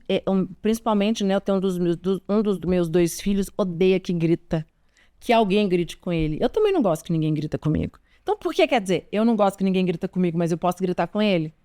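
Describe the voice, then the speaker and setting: A woman's voice: mid-range voice, warm tone, clean tone. A woman in her forties with a Brazilian Portuguese accent, giving parenting advice straight to her listeners in an earnest, emphatic way, often repeating her key points. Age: 40s. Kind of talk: direct-to-camera advice talk.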